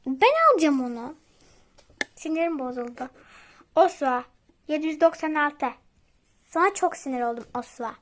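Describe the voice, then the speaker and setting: High-voiced excitable woman gamer. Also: moderate pace, long pauses. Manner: excitable, chatty, talks straight to viewers. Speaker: gaming channel host. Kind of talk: casual gameplay commentary.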